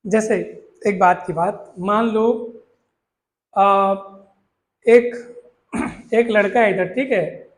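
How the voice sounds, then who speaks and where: A man's voice: sits high, fairly even intonation, drawn-out words, long pauses. A male maths teacher, explaining a lesson in a coaxing way, repeating points and asking his students questions. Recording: echoey room.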